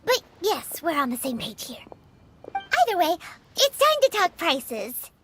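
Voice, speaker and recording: A woman's voice: very high voice, huge pitch swings, unhurried, a bit bright, full character voice. A woman voicing a tiny, bubbly, cheeky female fairy companion in a video game cutscene, who talks about herself by name. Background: game music.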